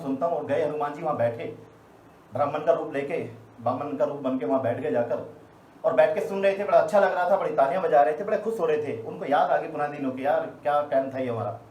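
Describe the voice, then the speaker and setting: A man's voice: fairly high pitch, darkish tone, slight background noise. A man giving a live motivational training session to his team, telling stories and asking rhetorical questions. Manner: storytelling, rhetorical questions, emphatic. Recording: echoey room, faint ambience.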